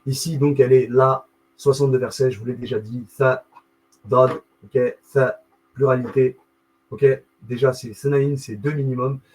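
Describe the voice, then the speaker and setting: A man's voice: medium pitch, steady tone, normal speed, darkish tone, poor audio. A man hosting a live video, reading a text aloud and commenting on it, full of fillers, restarts and self-corrections, with wry asides.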